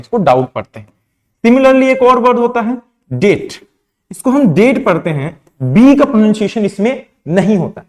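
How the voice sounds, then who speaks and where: A young man from India leads a classroom pronunciation lesson, mixing Hindi and English as he poses questions and then answers them himself. His voice is high and a little mellow.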